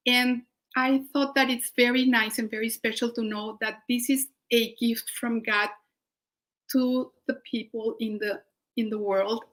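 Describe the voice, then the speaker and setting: Woman, Mexican accent, higher register; warm, eager baking-demo instructor who restarts often. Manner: warm, enthusiastic, with frequent restarts. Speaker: cooking demonstrator. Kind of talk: live online baking demonstration.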